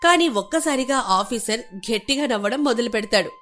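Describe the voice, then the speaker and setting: Lady telling a cartoon story, kinda high voice, dramatic. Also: animated, a little fast, fairly bright tone, a little hiss or hum. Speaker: narrator. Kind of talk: scripted story narration.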